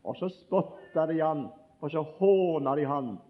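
A male preacher giving a sermon, telling a story earnestly with frequent restarts and emphatic peaks, on a dull lo-fi recording. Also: fairly high pitch.

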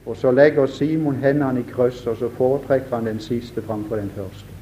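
A man's voice: medium pitch, fairly even intonation, mellow, a little hiss or hum. A man preaching a sermon with fervor, firing rhetorical questions at his listeners and addressing them directly again and again.

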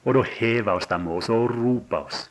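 A man preaching a sermon, halting and repeating words, then building to emphatic stretches. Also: mid-range voice.

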